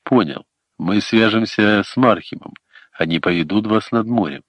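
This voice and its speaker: A man's voice: on the low side, moderate pace, no room sound. A man reading an unemotional air traffic controller. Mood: calm. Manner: flat, unemotional instructions. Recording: dull, dry lo-fi recording.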